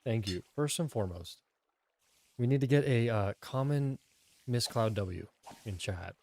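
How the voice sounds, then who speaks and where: A man's voice: medium pitch, animated, a little slow, a little mellow. A man streaming a game, chatting casually with his chat and eating a meal at his close desk mic. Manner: chatty, eats on mic while talking to chat.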